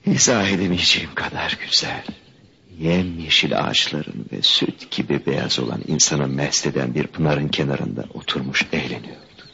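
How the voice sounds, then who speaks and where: A man's voice: extremely low pitch, gravelly, sharp tone, husky, full character voice. An actor playing an anxious, remorseful young man haunted by a blood feud, speaking emotionally and sometimes in whispered inner thoughts. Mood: dazed calm. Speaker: radio drama actor. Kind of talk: 1970s-style Turkish radio theatre acting. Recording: muffled archival radio recording with faint hiss.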